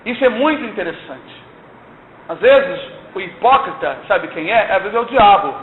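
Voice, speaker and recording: An older man with a high voice and lively intonation speaks at a normal speed, delivering an earnest, exhorting church testimony much like a sermon and often asking "não é?". The recording is tinny and lo-fi, made in an echoey room with faint hiss.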